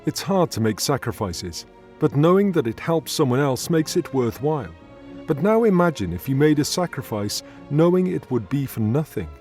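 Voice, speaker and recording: A man, delivering a scripted poetry tutorial in a measured, earnest way. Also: a little high, very animated, darkish tone, faint music behind. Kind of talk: scripted educational narration.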